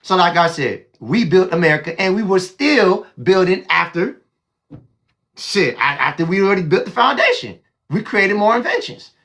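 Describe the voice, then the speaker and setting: A man's voice: high-pitched, expressive, moderate pace, a bit bright. A man hosting a heated live call-in discussion, brash and mocking, swearing freely and cutting callers off. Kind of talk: heated live panel talk.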